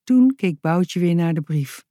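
Slow, mellow woman reading a children's story. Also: on the low side, no echo, studio quality. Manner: lively, voices each character. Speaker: narrator.

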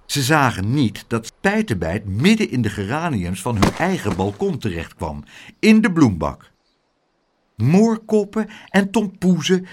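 Animated male storyteller reading a children's book. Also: medium pitch. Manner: expressive, dramatic storytelling. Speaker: narrator.

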